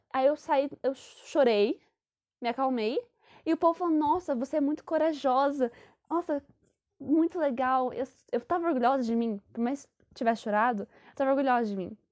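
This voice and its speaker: A woman's voice: high voice, a little mellow. A young Brazilian woman, casually telling a rambling personal story and correcting herself as she goes. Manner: chatty, rambling, self-correcting. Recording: dull lo-fi sound.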